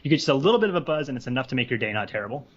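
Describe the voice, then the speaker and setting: A man's voice: mid-range voice, big pitch swings, muffled recording. A man hosting a podcast, joking around in casual chat from a room at home. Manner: joking, rapid-fire. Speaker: podcast host. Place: home room next to a laundry room.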